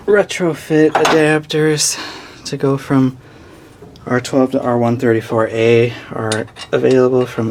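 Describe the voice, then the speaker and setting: A man's voice: medium pitch, noisy background. A man giving a plain, hands-on walkthrough of a repair, explaining as he works on an engine. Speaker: DIY mechanic. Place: working in a vehicle's engine bay.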